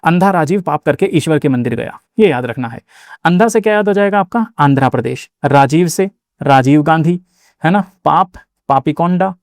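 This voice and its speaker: A man gives an exam-prep lesson in a loose, chatty manner, circling back to repeat each memory trick. His voice sits a little high for a man. The sound is close and dry, with no room echo. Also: animated, normal speed. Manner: casual, chatty, repeats key words with fillers. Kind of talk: mnemonic-based geography lesson.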